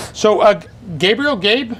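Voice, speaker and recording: A man's voice: sits high, animated, slow pace, a bit bright, slight background noise. A man who is a mayor hosting a local TV show, reading announcements and chatting with guests in a friendly, joking way.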